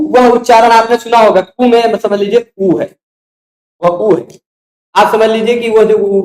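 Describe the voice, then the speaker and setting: A middle-aged man lectures on grammar in a high voice. He works through each point step by step and keeps checking in with his listeners. The room is echoey. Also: a little mellow. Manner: explains step by step, checks in with "ठीक है" and "है ना". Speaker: Sanskrit grammar teacher.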